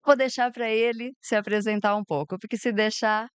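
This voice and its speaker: A woman from Brazil hosts a podcast and introduces her guest cheerfully, laughing often. Her voice is smooth and resonant at a middle pitch. The sound is dry and close. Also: fairly even intonation, fairly quick, no echo. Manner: warm introductions, laughs easily. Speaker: podcast host. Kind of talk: casual chat. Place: stage of a bar.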